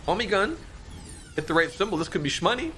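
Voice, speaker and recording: A man in his thirties giving casual, excitable commentary while playing an online slot game, often swearing and jumping up in pitch at big moments. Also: a little fast, soft background music. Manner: excitable, swears a lot, frequent pitch jumps. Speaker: slot streamer. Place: dim home streaming room, indoors.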